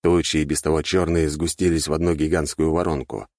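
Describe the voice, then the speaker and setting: A man reading a fantasy audiobook in a steady, dramatic way. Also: a bass voice, brisk, dry recording, clean studio sound. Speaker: narrator.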